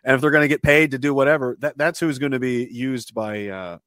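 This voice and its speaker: A man talks as a podcast guest in a loose, rambling way. He restarts his sentences and breaks into short chuckles. His mid-pitched voice sits on a dry, close mic with no room sound. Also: steady tone, a little fast, a bit bright, dry recording. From Canada. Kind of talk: casual podcast conversation.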